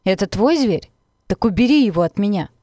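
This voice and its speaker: A woman reading the part of an agitated young man who is frightened of a big dog, voicing him loudly in a story. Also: medium pitch, animated, fairly quick, dry recording, clean studio sound, voice pushed up, lightly acted. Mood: angry. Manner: loud, shouting.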